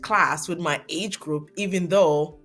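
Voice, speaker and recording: A woman from Gambia, a guest in a casual interview, telling her story in a lively, laughing way. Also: lowish voice, unhurried, faint music behind.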